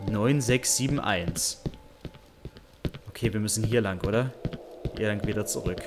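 A man casually commentating a horror game, joking and sarcastic, talking to the game character. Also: fairly low pitch. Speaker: let's play host.

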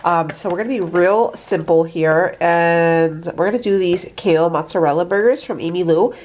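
A young woman vlogger chats about her meals in her home kitchen, filming on a handheld phone, in a chatty, rambling, upbeat food-diary style. Stuffy from allergies, she sounds nasal; her voice is lowish and a little mellow, at normal speed.

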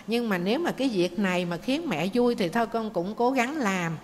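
A woman's voice: a little high, animated, moderate pace, natural voice. A woman voicing an earnest, insistent son of about thirty who wants to repay his mother. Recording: faint noise, long hall reverb.

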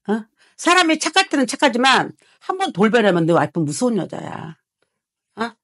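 Husky woman fortune teller scolding harshly. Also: medium pitch, dry recording, clean studio sound. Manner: harsh scolding with swearing and repeated rhetorical prods. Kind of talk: heated consultation with a client.

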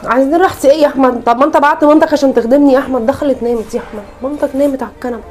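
A woman's voice: high voice, steady tone, rapid-fire, a little mellow, natural voice. A woman voicing an irritable, complaining pregnant young wife with an Egyptian Arabic accent in a cartoon. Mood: exhausted. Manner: complaining, exasperated.

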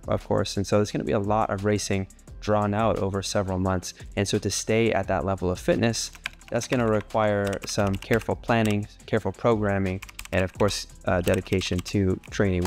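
Man in his thirties, lowish pitch, earnest coach-style explainer, vlog narration, methodical, faint background music. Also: gravelly. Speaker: running coach and sport physiologist.

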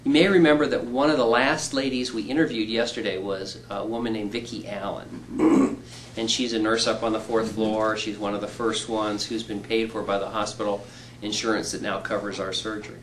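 Middle-aged surgeon explaining plainly. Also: male voice, on the low side, fairly even intonation, moderate pace, a little hiss or hum, rough recording. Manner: patient, plain-spoken, teacherly with homely examples. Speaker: weight-loss surgeon. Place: indoor room.

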